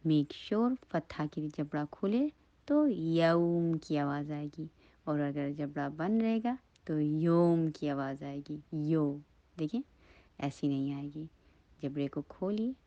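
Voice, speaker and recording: A woman teaching Quran recitation, going over each syllable slowly and patiently so students can copy her. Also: low voice, expressive, dark tone, no room sound. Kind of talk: slow tajweed lesson with modeled recitation. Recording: dry, dull lo-fi recording.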